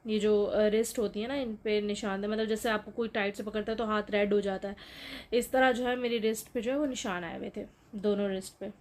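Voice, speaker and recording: A young woman telling her own horror story to camera in a casual vlog, animated and explaining as she goes, her voice climbing high when she relives the fear. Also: a little fast. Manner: explains with gestures, frequent "theek hai" check-ins.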